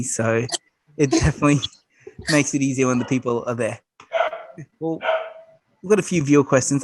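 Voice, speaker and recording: A man's voice: medium pitch, no echo, low-quality recording. Man, host, casual interview, upbeat, dry close mic. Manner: upbeat, short reactions. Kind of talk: casual interview on a video call.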